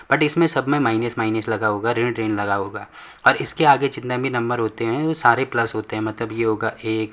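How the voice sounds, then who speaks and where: A man teaches a maths lesson in a bright, forceful voice. He explains each step patiently and repeats points often, asking questions and answering them himself. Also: mid-range voice. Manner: patient, repetitive, asks and answers own questions.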